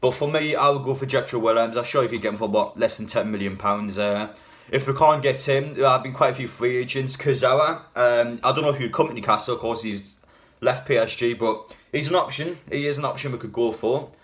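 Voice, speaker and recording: A man's voice: mid-range voice, a little fast, fairly bright tone. A man, a bit hungover, giving a casual, blunt and rambling opinionated talk as a football fan video host.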